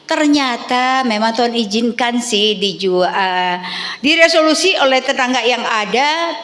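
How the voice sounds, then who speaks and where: A middle-aged woman pastor preaching a sermon in a church, telling her story with lively questions to the congregation. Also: fairly high pitch. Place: church hall. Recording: echoey hall with long reverb.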